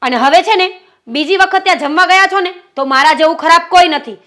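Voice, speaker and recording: A woman plays a jealous wife pressing her husband with accusations and biting sarcasm. Her voice is high and bright. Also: brisk. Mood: accusing. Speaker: suspicious wife. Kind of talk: Gujarati short-film family drama acting.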